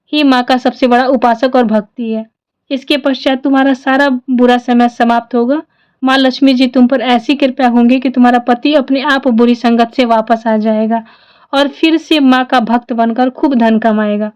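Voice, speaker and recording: A woman voicing a gentle elderly woman who soothes and advises a grieving devotee, in a storytelling style. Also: on the high side, smooth, muffled recording, lightly acted.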